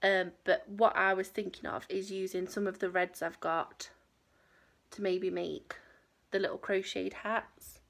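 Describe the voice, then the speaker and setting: This crochet vlogger, a woman in her thirties, rambles to camera from her small home craft room and pokes fun at herself. She sounds a little nasal because of a cold, and her medium-pitched, gravelly voice is flat in delivery and a little slow.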